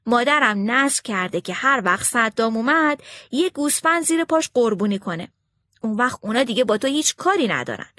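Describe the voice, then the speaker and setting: Young fighter, hushed conspiratorial instructions, quick low-key voice, a woman doing him, dry close sound. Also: animated, no echo. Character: young male fighter giving secret advice. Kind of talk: storybook character voice.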